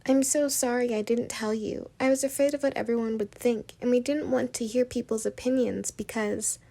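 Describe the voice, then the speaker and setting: A woman reading a fan story aloud, voicing a tearful, anxious young princess in a soft, slightly gravelly voice. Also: a little high, fairly even intonation, moderate pace.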